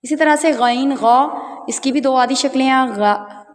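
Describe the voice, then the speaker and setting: A woman teaching letters in a slow, patient voice, a little high for her sex. She names each letter one by one, and her voice rings with long reverb in the room. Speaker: Urdu teacher.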